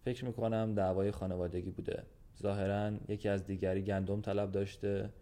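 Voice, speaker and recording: A man reading a gruff old gendarme. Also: fairly low pitch, flat delivery, warm tone, natural voice. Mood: weary, blunt. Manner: plain, weary, matter-of-fact speech. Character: old gruff male gendarme, blunt and fatherly.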